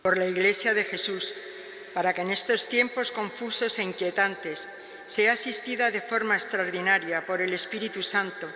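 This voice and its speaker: A man's voice: sits high, moderate pace, sharp tone. A man reading prayers of intercession at Mass in a formal, solemn recitation, echoing through a large church. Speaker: lay reader of the prayers of the faithful. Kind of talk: read liturgical intercessions. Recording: echoey church with long reverb.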